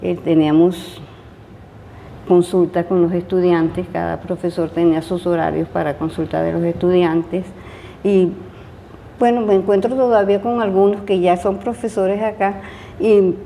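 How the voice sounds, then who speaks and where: An older woman with a Venezuelan accent speaks in a mellow, slightly low voice. She recalls her teaching years in an unhurried interview, pausing often and restarting her sentences. Faint noise sits behind her. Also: fairly even intonation, gravelly. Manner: hesitant, many fillers and restarts. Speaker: retired chemistry professor. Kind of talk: interview, casual recollection.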